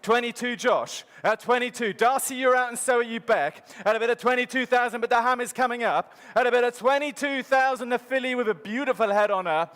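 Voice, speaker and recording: A man's voice: extremely high pitch, brisk, hardly any pauses, fairly bright tone, clear, resonant tone. A man working as an auctioneer at a live sale, calling bids in a rhythmic, repetitive chant. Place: large sale arena. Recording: hall reverb from sale ring PA.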